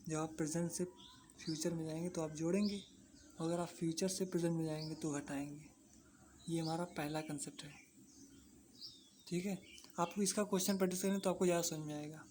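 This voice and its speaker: Maths tutor, steady monotone delivery, restates every step, quizzes then answers self; faint birdsong behind. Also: mid-range voice, brisk, long pauses, a little hiss or hum. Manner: repeats points, asks and answers own questions. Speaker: maths teacher. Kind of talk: explaining a lesson to exam students.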